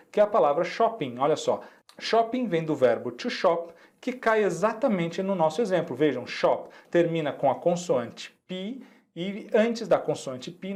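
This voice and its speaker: A man with a Brazilian Portuguese accent teaching a recorded online lesson, patiently repeating each example slowly. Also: on the high side, darkish tone. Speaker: English teacher.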